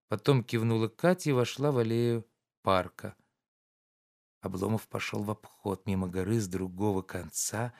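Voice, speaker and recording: A male audiobook narrator with a fairly low voice reads a classic novel. His delivery is measured and even, with a calm storyteller's pacing.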